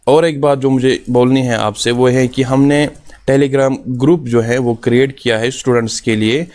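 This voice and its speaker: A man's voice: medium pitch, fairly even intonation, a little mellow. Patient man teaching Arabic grammar. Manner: asks questions and answers them himself, repeats key terms; reassuring, often says it is very easy. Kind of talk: recorded grammar lesson.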